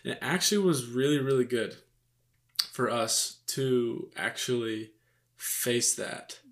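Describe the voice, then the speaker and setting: A young man talks casually to the camera about expecting a baby, loose and joking, with plenty of "like" and "you know". His voice sits at an ordinary middle pitch for a man. He is speaking into a microphone. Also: slow pace. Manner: relaxed and joking, many fillers. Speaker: vlog co-host, expectant father. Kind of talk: casual couple chat to camera.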